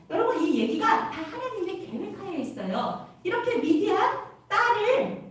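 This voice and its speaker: A woman youth pastor telling a story as a lively sermon to young people, acting out the figures and asking the listeners questions. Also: extremely high pitch. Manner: animated, acts out the story in voices, asks the listeners questions. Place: church worship hall. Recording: very echoey hall, mic at a distance.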